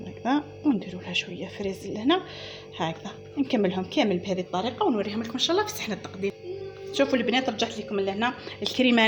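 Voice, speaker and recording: Chatty Algerian woman, home baking host, quick instructive patter, clear music bed behind. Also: mid-range voice, fairly bright tone. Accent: Algerian Arabic. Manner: chatty and instructive, addressing viewers as "girls". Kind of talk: casual cooking tutorial.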